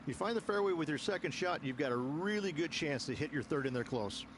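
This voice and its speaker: A man's voice: a little high, lively intonation, fairly quick, noisy background. A man working as a golf analyst, explaining things in a conversational commentary style.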